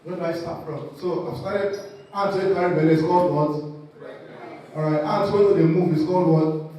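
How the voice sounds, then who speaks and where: A man's voice: a little high, fairly even intonation, normal speed, dark tone. A man with a West African accent playfully hosting a live word game, mixing English with Pidgin phrases and prompting the audience. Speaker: event host leading an audience word game. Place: echoing conference hall. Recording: very echoey hall, distant microphone.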